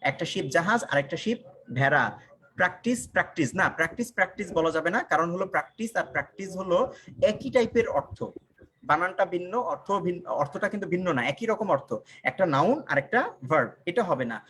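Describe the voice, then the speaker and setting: A man's voice: sits high, animated, fast, pushed and bright, slightly rough. Man teaching a live online English class. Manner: asks the class questions and answers them himself, repeats key lines.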